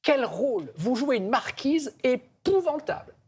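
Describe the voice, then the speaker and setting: A woman hosting a morning television talk show, interviewing a guest in a chatty, lively way. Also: high-pitched, a little slow, husky.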